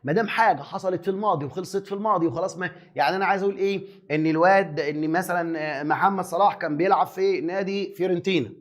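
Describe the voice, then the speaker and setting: Fast, high-voiced Egyptian teacher. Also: male voice. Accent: Egyptian Arabic. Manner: lively, teasing, asks and answers his own questions. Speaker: English teacher. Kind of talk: exam review lesson.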